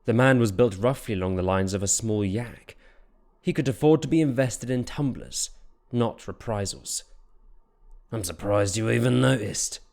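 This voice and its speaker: Male audiobook narrator, steady and measured. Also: mid-range voice.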